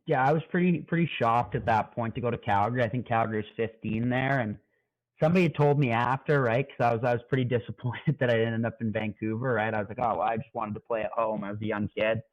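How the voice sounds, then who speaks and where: A man, a professional lacrosse player guesting on a podcast, talking in a relaxed, reflective way with trailing restarts. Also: mid-range voice, fast, dull audio. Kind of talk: casual interview chat.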